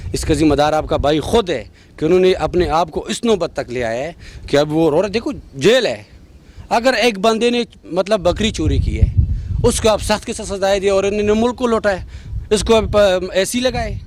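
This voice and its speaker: Fervent man speaking at a street interview. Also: high voice. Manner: passionate, emphatic, rising to loud peaks. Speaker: street interviewee, party worker. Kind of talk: street vox pop interview.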